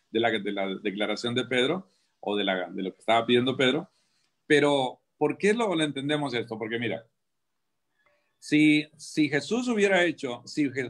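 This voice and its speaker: A man speaks in a husky, somewhat breathy voice at an ordinary male pitch. He preaches in conversation from a radio studio, emphatic and full of rhetorical questions. His sentences often restart midway as he drives his point home. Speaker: prison preacher.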